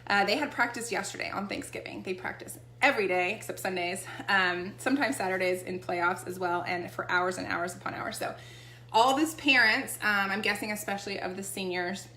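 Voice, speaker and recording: A woman's voice: mid-range voice, brisk, bright, forceful tone. A woman, chatting casually as she demonstrates essential oils and often checks in with the listener. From Texas. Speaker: essential oil seller. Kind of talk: casual product demo chat. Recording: echoey room with faint hum.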